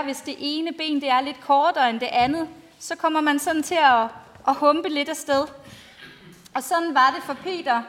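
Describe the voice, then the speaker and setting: A woman's voice: high-pitched, a bit bright. A woman pastor giving a storytelling sermon to a congregation in simple, plainly spoken language. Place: large reverberant church, speaking to a congregation. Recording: long church-like hall reverb.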